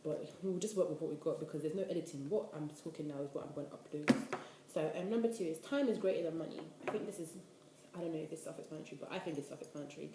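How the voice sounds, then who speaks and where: A twenty-year-old vlogger talks at a racing clip in a low voice, rambling casually to the camera with plenty of "like." The echoey room has a noisy background.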